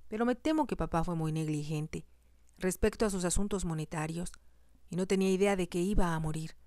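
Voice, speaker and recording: A woman voicing a proud young heiress who speaks in a polite, soft and measured way. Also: lowish voice, no echo, clean studio sound, close to an everyday voice.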